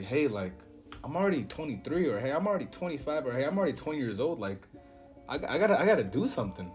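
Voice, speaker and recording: A man's voice: medium pitch, darkish tone. A man in his twenties giving a casual, blunt motivational talk, swearing often, with music behind. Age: 20s. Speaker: vlogger. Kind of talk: motivational monologue.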